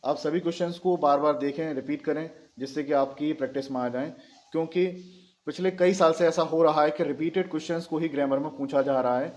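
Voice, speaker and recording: An Indian man teaching an exam-prep grammar lesson with a fairly high voice. He reads English sentences out slowly for students to copy, then explains them in Hindi. He keeps asking questions and answering them himself. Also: fairly even intonation, a little mellow. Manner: asks questions and answers them himself, says "theek hai" often.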